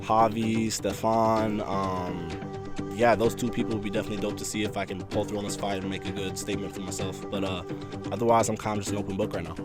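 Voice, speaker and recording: A man's voice: lowish voice, level tone, fast, loud music behind the voice. A young man being interviewed as an amateur fighter, chatting casually in a laid-back, slangy way with some swearing. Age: young adult.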